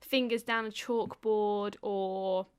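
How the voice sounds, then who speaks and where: A woman in a relaxed podcast chat, talking at an ordinary middle pitch. She explains in long winding stretches, full of ums and restarts, and laughs easily. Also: slow, clean tone. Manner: explains at length, laughs often, lots of fillers. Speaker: podcast co-host.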